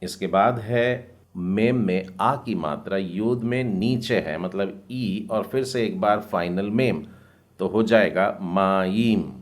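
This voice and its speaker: Man, lowish voice, unhurried delivery, patient language teacher, spells words out. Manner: patient, spells out each word slowly and repeats it. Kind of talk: slow step-by-step lesson.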